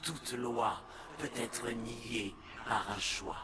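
Slow, grandiose vengeful monster sorcerer. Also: male voice, mid-range voice, fairly even intonation, heavy background noise. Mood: bitter defiance. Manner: slow theatrical declaiming with menacing pauses. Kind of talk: video game cutscene monologue.

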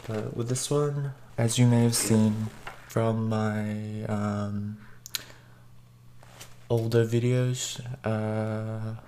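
A man speaks from behind a face mask, his delivery slow and hesitant, full of small pauses and restarts. His pitch stays flat with little rise or fall. A faint hiss of noise sits under the recording. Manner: hesitant, many ums and restarts. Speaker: mask reviewer. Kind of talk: casual product review.

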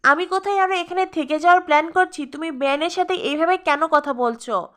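A man's voice: very high voice, fairly quick, a bit bright. A woman reading the lines of a scheming middle-aged man who is menacing and falsely sweet.

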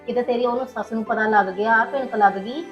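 Actress as a careful village housewife, high fast voice, dull lo-fi sound with music. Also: female voice, natural voice. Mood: cautious. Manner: cautious and advising. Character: cautious village housewife, protective sister-in-law. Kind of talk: village family drama acting.

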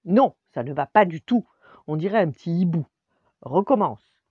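A woman voicing a stern, pompous male singing teacher who scolds loudly and theatrically, with a dull lo-fi sound. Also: sits low, very animated, normal speed, no room sound. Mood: scolding.

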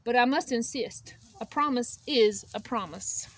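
A woman's voice: a little high, a little slow, lightly acted. A woman voicing a polite, determined male moose in a picture book, earnest and coaxing, recorded outdoors. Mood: apologetic, firm. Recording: outdoor noise with clucking poultry.

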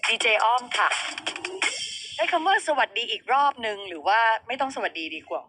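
A woman's voice: on the high side, very animated, brisk, music in the background. A middle-aged woman radio DJ in casual on-air chat, teasing and enunciating sounds to make her points. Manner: chatty, teasing, explains with enunciation examples.

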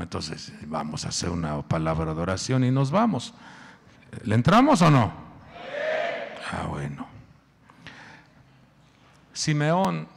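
A male pastor preaching a sermon, animated and quizzing the congregation. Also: low voice, vocal fry, big-room sound, a little hiss or hum.

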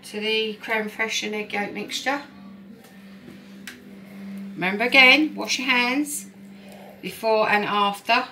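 Speaking slowly with frequent pauses, a middle-aged support worker uses a fairly high, pushed and bright voice as she demonstrates home cooking indoors in her kitchen. She is chatty and encouraging, addressing viewers as "guys." The low-quality recording comes from a phone camera on the counter, with slight background noise and kitchen clatter.

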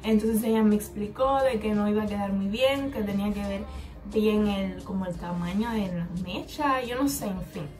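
A woman with a Cuban Spanish accent tells a rambling storytime in a loose, chatty way, slipping into the voices of the people in it. Her voice sits at an ordinary middle pitch. She is picked up a little away from the mic, with faint music running underneath. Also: moderate pace, darkish tone. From Cuba. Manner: chatty, rambling, acts out the other person's replies. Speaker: hair vlogger. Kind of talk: casual storytime vlog. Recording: slightly distant mic with faint background music.

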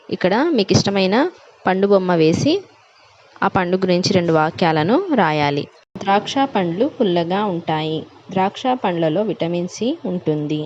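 A woman teacher reading out workbook answers, dictating words slowly and carefully to young pupils. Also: on the low side, darkish tone. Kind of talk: reading out and explaining a school workbook. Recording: dull lo-fi recording with clear background noise.

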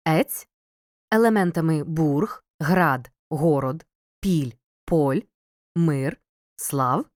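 A woman reading a scripted grammar lesson as a teacher, clear and measured, pausing between listed words. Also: lowish voice, darkish tone, dry recording, clean studio sound. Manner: clear, measured, reads word lists with pauses. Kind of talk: scripted educational narration.

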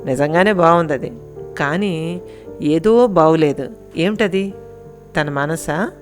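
A woman calmly narrating a Telugu family audio story in a scripted, even storytelling manner. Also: low-pitched, slow pace, faint music behind.

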